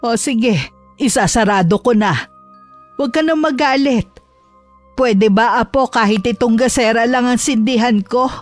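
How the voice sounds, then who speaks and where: A woman playing a worried, tender grandmother in a horror audio drama, coaxing her grandchild gently. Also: a little high, a little slow, faint music behind, lightly acted.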